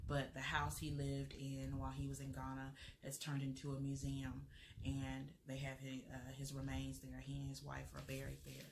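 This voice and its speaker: A woman's voice: rumbling low, background noise. A young American woman with an American accent, chatting casually as a travel vlogger, rambling with lots of fillers and restarts. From United States. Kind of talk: casual chat.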